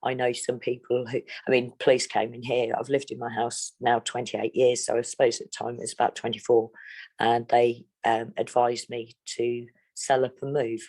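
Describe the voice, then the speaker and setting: A middle-aged Englishwoman gives a candid interview, answering bluntly, plainly, and in a measured, steady way. Her voice is very deep and darkish, with a level tone.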